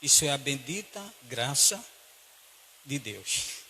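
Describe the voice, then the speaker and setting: A man with a Brazilian Portuguese accent preaching a sermon and telling a story, acting out the voices and swinging between hushed and loud delivery. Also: medium pitch, sing-song, slow, a little hiss or hum. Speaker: pastor. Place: church hall. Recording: church hall with long reverb.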